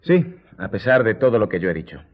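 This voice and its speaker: Deep-voiced, ironic count, phone-like sound. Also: male voice, sing-song, a little fast. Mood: emphatic, ironic. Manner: courtly, theatrical, wryly ironic. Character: worldly, ironic, self-assured count, a seafaring gentleman. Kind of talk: Spanish radio drama acting. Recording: muffled, phone-like radio recording.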